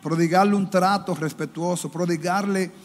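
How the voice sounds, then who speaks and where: A man with a Dominican accent preaches with fervor, his voice sitting high. He jumps into mocking, higher voices when he quotes people. The sound comes from a reverberant church hall with faint room noise behind it. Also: fairly even intonation, moderate pace. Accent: Dominican Spanish. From Dominican Republic. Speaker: pastor. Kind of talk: sermon.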